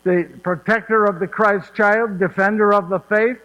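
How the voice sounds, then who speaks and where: The recording is muffled and carries hall reverb, yet a man's high, fairly bright voice comes through with a steady tone at a moderate pace. He plays warm, chatty old Joseph of Nazareth, a fond storyteller, in a one-man stage monologue, folksy and laughing and often asking "yes?"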